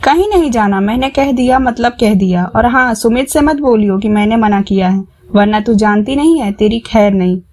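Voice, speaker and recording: A woman's voice: fairly high pitch, normal speed, few pauses, a little mellow, lightly acted. A woman voicing a harsh older mother-in-law who taunts and scolds in a raised voice. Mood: scolding.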